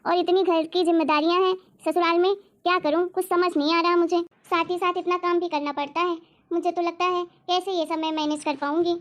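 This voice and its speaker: Worried new bride for a cartoon, high-pitched and anxious, played by a woman. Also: flat delivery, a little fast, few pauses. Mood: fretting. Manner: complaining, anxious, muttering to herself. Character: newly married young bride, worried and fretful. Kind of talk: cartoon story voice acting.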